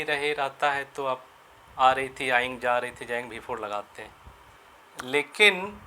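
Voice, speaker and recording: A man teaching English grammar in Hindi, explaining each sentence step by step and slowing down to spell out the English phrases. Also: a little high, bright, forceful tone. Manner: repeats and rephrases sentences, asks and answers his own questions. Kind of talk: Hindi-medium grammar lesson.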